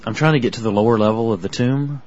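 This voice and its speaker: A man co-hosting a podcast in a relaxed, casual chat. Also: fairly low pitch, racing. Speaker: podcast co-host. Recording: dull lo-fi podcast audio.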